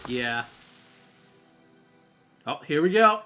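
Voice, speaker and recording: A man's voice: fairly high pitch, big pitch swings, extremely slow, sharp tone. A man streaming a video game, making laid-back, casual comments, laughing often and swearing now and then. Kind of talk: gameplay commentary. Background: game music and voices.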